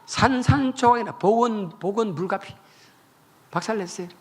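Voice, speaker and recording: A man preaching a revival sermon, telling the story with animated voices. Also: sits high, moderate pace, breathy edge. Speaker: pastor.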